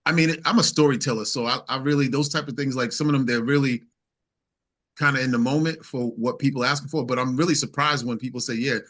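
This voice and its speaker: This New York man, a singer-songwriter appearing as an interview guest, talks at medium pitch in a steady, slightly bright tone. He's casual and halting, thinking out loud and repeating himself along the way.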